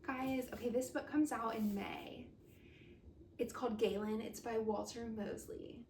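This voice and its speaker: A woman's voice: fairly high pitch, fairly even intonation, a little slow, darkish tone, a little hiss or hum. A woman reviewing books in a chatty, gushing casual talk, with frequent laughs, recorded from a distant mic in a roomy space. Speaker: book reviewer. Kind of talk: casual chat.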